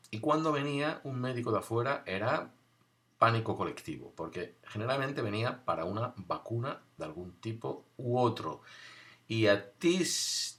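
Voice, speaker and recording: A man's voice: lowish voice, fairly bright tone. A middle-aged man, telling a wry, conversational story from his childhood and briefly acting out the voices he quotes. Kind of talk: spoken personal recollection.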